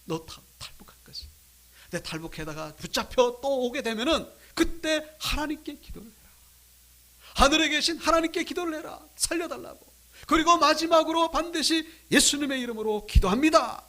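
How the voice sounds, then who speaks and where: Male preacher doing a woman inmate, urgent secret whisper, bright. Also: extremely high pitch, sing-song, normal speed, exaggerated voice. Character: female prisoner whispering a secret warning.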